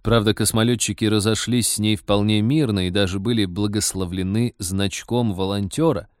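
A man narrating a humorous story in a measured, wry audiobook reading. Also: fairly low pitch, fairly even intonation, no room sound, clean studio sound.

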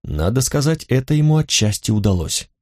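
A man narrates an audiobook in an even, measured way. His voice sits at a middling pitch. The recording is dry and close, with no room sound. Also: no echo. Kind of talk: scripted narration.

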